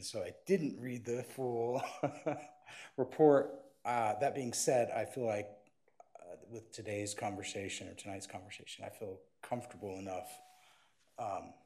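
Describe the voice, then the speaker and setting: Male committee member, fairly low voice with fry, halting and measured in unscripted remarks. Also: darkish tone. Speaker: committee member representing a district.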